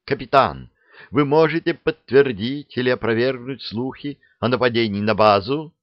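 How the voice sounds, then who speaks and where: A pushy young woman reporter, put on by a male reader, raised a little in pitch and firing brisk questions. The audiobook sound is dull and dry. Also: no echo, lightly acted. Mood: probing.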